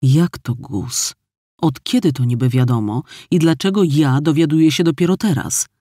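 A man reading an audiobook, voicing a hurt, quick-tempered young woman who speaks in an irritated, demanding way. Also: on the high side, mellow, no echo, studio quality, close to an everyday voice.

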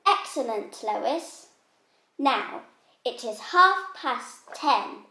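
As a co-host playing a patient teacher in a children's classroom skit, a woman speaks very slowly and clearly in a high, expressive, sharp-toned voice, with occasional mock strictness. The recording has a roomy echo.

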